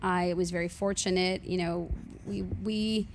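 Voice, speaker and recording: A woman in her forties from Honduras, a native Spanish speaker, chatting warmly as a guest and often laughing as she shares her testimony. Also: lowish voice, fairly even intonation, measured pace, a little hiss or hum. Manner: warm, chatty, laughs often between sentences. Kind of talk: casual faith testimony.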